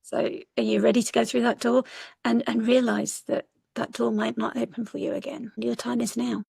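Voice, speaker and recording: A woman with a fairly high, gravelly voice and a breathy rasp tells a story in earnest, urging the listener on. She sits close to a dry mic in casual conversation. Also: fairly even intonation, normal speed, a little mellow, no echo. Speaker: astrologer guest.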